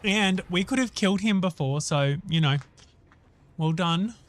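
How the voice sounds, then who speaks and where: A man's voice: high voice, a little slow. A man hosting a casual gaming livestream, thinking aloud and chatting conversationally with viewers as he gives his commentary. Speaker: live streamer and host.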